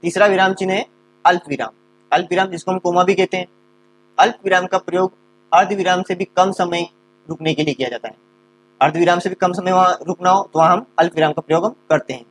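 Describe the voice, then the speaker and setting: A man's voice: high-pitched, steady tone, fairly quick. A man teaching a grammar lesson, explaining step by step and answering his own questions.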